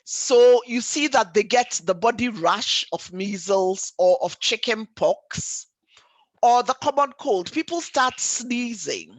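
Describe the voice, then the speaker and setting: A woman doctor from Ghana or the Caribbean presents a health webinar for lay listeners, explaining emphatically and didactically, repeating key points and asking rhetorical questions. Her voice is a little high and animated, and she takes things slowly, with no echo.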